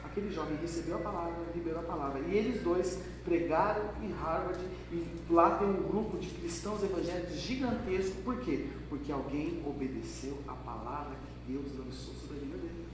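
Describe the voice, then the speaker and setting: High-voiced pastor in an echoey hall. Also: male voice, moderate pace, hardly any pauses. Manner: lively storytelling, addressing the congregation directly. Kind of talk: sermon. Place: church hall during a service. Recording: echoey hall from far off, background noise.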